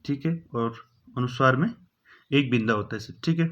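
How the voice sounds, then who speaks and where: A man at a middle pitch leads an exam-prep grammar lesson, reading out each question, asking it again and answering it himself. He leans on a steady "okay" between points. The sound is slightly dull and lo-fi. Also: fairly quick. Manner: repeats each question, fills with "thik hai". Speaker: teacher.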